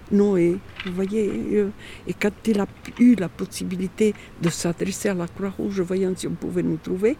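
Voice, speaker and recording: Older woman, Catalan accent, gravelly low-toned voice, chatty and hesitant interviewee. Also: mellow, a little hiss or hum. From Catalonia, Spain. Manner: chatty, hesitant, many fillers. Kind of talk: casual recollection.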